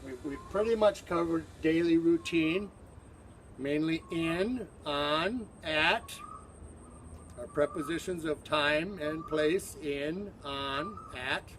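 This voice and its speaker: A man's voice: on the high side, fairly bright tone, a little hiss or hum. A man teaching English to a class, drilling words over and over and exaggerating sounds to model the pronunciation. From from abroad, teaching in Thailand. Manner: slow, repetitive drilling of words.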